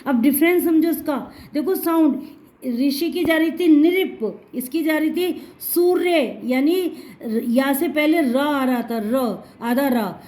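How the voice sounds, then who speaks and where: A high-pitched woman with a mellow, warm tone teaches young students a spelling lesson. She breaks words into syllables and repeats them slowly and patiently, calling the learner "child" as she goes. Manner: calls the listener "child" affectionately. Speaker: Hindi teacher.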